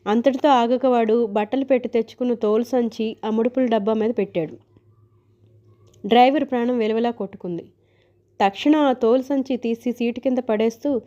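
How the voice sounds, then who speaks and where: Wry woman storyteller, mellow voice. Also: a little high. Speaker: narrator. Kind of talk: storytelling read aloud. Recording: dull lo-fi recording.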